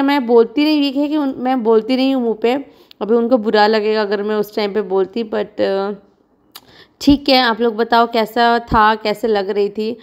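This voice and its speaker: A woman's voice: on the high side, a little mellow, dull audio. A woman in her thirties from India, a vlogging mother chatting frankly and rambling as she talks over her own footage. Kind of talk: casual chat narrating vlog footage.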